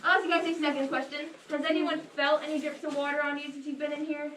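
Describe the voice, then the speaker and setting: A woman's voice: high-pitched, flat delivery, fast, a bit bright. A woman working as a tour guide, talking casually and jokingly to a group inside an echoing cave. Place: underground cave room. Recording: echoey cave, distant mic, clear background noise.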